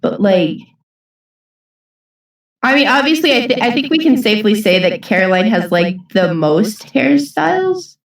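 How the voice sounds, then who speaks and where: A woman chatting casually in a fan discussion, animated and giggly. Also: a little high, a little slow. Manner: animated and giggly, reads comic lines aloud. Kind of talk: casual chat. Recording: roomy echo from far mic.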